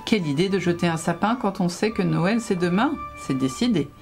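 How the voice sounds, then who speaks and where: Woman doing a drowsy storybook papa bear, slow and sleepy. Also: lowish voice, expressive, darkish tone, soft background music. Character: sleepy male bear father.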